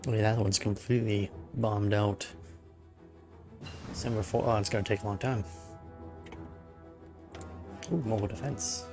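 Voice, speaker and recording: A man's voice: on the low side, steady tone, normal speed, pauses often, music in the background. A man giving casual live-stream commentary while playing a strategy game, musing and thinking aloud. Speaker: gaming streamer.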